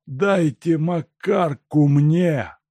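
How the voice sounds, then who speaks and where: A haunted, delirious patient, as a male reader puts him on, dragging out slow, broken words in a strained, raised voice. It is a storybook reading, recorded dry and close. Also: fairly high pitch, lively intonation, mellow, breathy edge, dry recording, voice pushed up, exaggerated voice. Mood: raving. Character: delirious madman, haunted sick husband.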